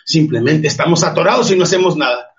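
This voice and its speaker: Motivational speaker, husky man with a somewhat high voice, emphatic, muffled lo-fi recording. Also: fast. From Mexico. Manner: emphatic and preachy, often calls listeners "champions". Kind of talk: motivational talk to an online audience. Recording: dull lo-fi recording.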